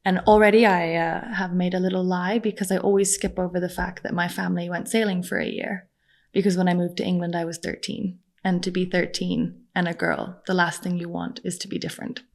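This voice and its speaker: A woman's voice: on the low side, vocal fry. A young adult woman, raised in Costa Rica, talking casually as a podcast guest, chatty and self-deprecating, laughing often. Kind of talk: casual interview conversation.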